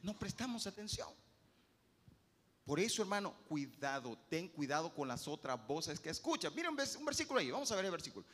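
A male pastor, preaching an animated sermon and acting out the voices he quotes. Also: on the high side, brisk. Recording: long hall reverb.

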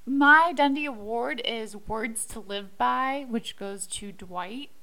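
A woman's voice: fairly high pitch, slow pace, pushed and bright, low-quality recording. A woman co-hosting a podcast, chatting and explaining scenes from a TV episode. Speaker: podcast co-host. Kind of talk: casual recap chat.

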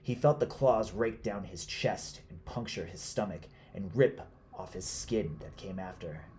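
A man with a deep, low voice reads a dark horror tale in steady, scripted narration. His delivery is grave and measured. A faint hiss sits under the voice.

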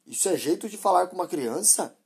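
A woman's voice: lowish voice, animated, brisk, vocal fry, a little mellow, breathy edge, voice pushed up, heavily acted. A woman voicing a concerned, insistent man who keeps questioning. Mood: worried. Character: concerned grown man, a passing driver.

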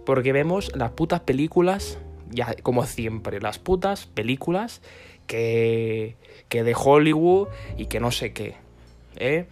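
A man's voice: medium pitch, animated, takes it slowly, a little mellow, faint music behind. A man giving a sarcastic comic rant to camera, swearing constantly and rambling off on tangents. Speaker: vlogger.

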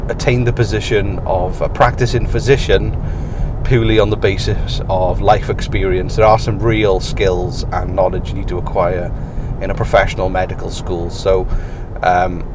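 Driving to work, an adult man past university age hosts a rambling solo podcast from his car, adding dry, self-mocking asides. His low voice is croaky with morning and level in tone, at a moderate pace. Car and road noise fill the in-car recording.

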